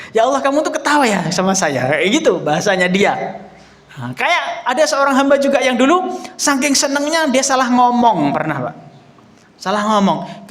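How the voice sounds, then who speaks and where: A young man preaching a casual sermon, telling stories animatedly and acting out the people in them. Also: high voice. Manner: animated storytelling, acts out quoted voices, addresses audience as Pak.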